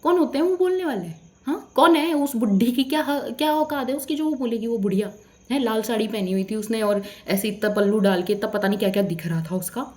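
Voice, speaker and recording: A woman's voice: on the high side, brisk, darkish tone. Indignant young woman ranting storytime. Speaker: vlogger. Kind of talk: storytime vlog.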